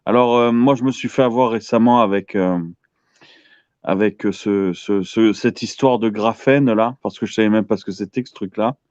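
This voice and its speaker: A man's voice: lowish voice, moderate pace, a little mellow, dry recording. A man in his thirties chatting casually as a radio show caller, often searching for his words. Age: 30s. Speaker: caller on an open-line internet radio show. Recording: dull lo-fi call audio.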